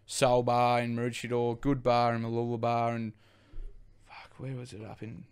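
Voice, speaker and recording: A man's voice: mid-range voice, completely flat delivery, moderate pace, clean tone. A young man with an Australian accent, telling his brewing story in a rambling, casual way and swearing now and then. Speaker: brewery co-founder guest.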